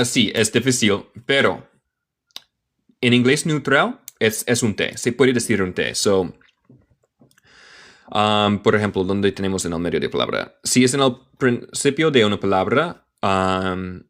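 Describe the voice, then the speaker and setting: An American man from Michigan teaching English in Spanish on a live online lesson. He reads phrases slowly and answers viewer questions in a relaxed way. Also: lowish voice. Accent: American English speaker talking Spanish. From Michigan, USA. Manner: slow deliberate read-aloud.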